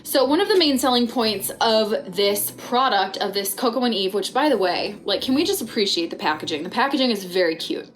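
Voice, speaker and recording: A woman's voice: medium pitch, expressive, slight background noise. A woman giving a casual, ranting product review in a chatty way, stressing and stretching words for drama. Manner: chatty, dramatic emphasis with drawn-out, repeated words. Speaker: YouTube host. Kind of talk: casual rant-style product review vlog.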